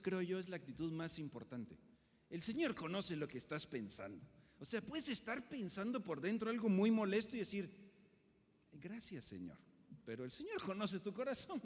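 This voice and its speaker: A man preaching a sermon as pastor, swinging from loud, emphatic bursts to soft, intimate asides. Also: high voice, a little hiss or hum. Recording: long hall reverb.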